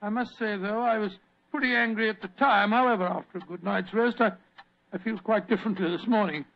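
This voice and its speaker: A fussy, good-natured British gentleman doctor in a vintage radio mystery. His voice sits high for a man and creaks, and he blusters politely, stammering and repeating himself. The recording is dull and old. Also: steady tone, brisk. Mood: amazed, musing. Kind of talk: old-time radio drama acting.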